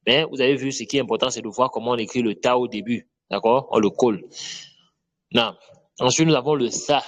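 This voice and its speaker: A man's voice: medium pitch, brisk. A man teaching an online Arabic lesson, patiently repeating letter sounds and checking that students follow.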